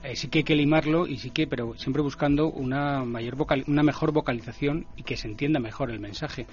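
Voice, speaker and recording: A man speaking as a guest commentator in a radio discussion, measured and explanatory. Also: medium pitch, darkish tone, highs cut off, a little hiss or hum.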